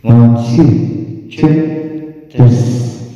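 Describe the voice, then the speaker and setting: A man's voice: mid-range voice, fairly even intonation, extremely slow, soft background music. A man doing a microphone check in a speaker showroom, calling short repeated test words through a party speaker with a digital mic echo effect. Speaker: shop seller demonstrating a speaker. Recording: echoey, dull sound played through a loudspeaker.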